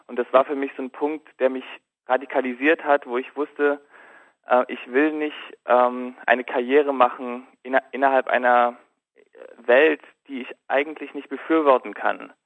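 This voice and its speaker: A man being interviewed over the phone. He speaks in a thoughtful, halting way and often pauses to search for words. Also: mid-range voice, fairly even intonation, no echo. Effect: thin phone-line sound, like a headset call. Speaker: interview guest. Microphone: telephone. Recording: tinny, dry phone line.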